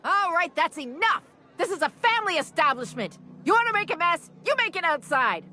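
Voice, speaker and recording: A woman's voice: fairly low pitch, normal speed, slight background noise, natural voice. An actress playing a firm, weary woman bar owner keeping peace in a video game. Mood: stern.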